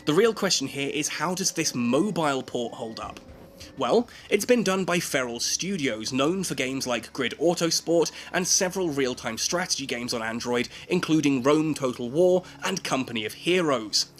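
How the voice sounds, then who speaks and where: A man's voice: medium pitch, animated, normal speed, a little hiss or hum. A man narrating a scripted video game review, with emphatic, dramatic phrasing.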